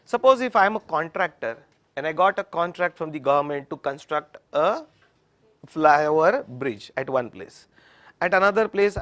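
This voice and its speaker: A man's voice: sits high, fairly bright tone. A man lecturing on cost accounting, mixing Hindi and English with an Indian English accent and putting questions to the class. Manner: switches between Hindi and English, asks questions; explains with everyday examples.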